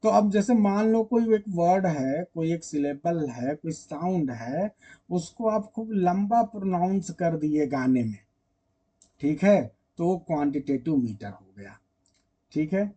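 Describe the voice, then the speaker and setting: Chatty man lecturing, mellow voice. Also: a little high, expressive, measured pace. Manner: chatty, addresses students directly, stretches words when singing examples. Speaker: literature teacher. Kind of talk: online lecture.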